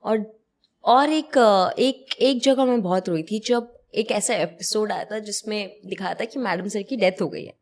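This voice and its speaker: A young woman, a TV actress, chatting as a guest and telling lively stories from the set, mixing English phrases into her speech. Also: mid-range voice, measured pace. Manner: animated storyteller, mixes in English phrases. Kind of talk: casual interview chat.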